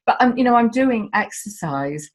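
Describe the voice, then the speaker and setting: A woman's voice: on the high side, lively intonation, moderate pace. Emotional woman, candid and sweary. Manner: emotional, heartfelt, swears casually. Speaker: guest. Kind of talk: candid conversation.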